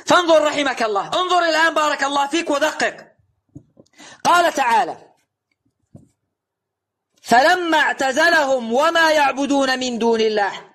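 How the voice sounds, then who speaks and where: A man delivers a recorded religious lesson. His voice sits very high for a man and rings bright and forceful. He presses his points with rhetorical questions and emphatic recitation. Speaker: preacher.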